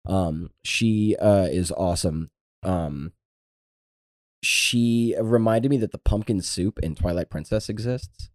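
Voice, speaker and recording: A man's voice: deep voice, takes it slowly, no echo, studio quality. A man from Louisiana, co-hosting a podcast, rambling and swearing in casual banter. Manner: rambling, profane, jokey. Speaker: podcast co-host.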